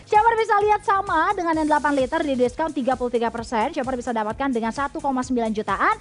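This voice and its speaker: A woman with an Indonesian accent hosting home shopping, chatting persuasively to viewers in an infomercial sales pitch. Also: fast talker.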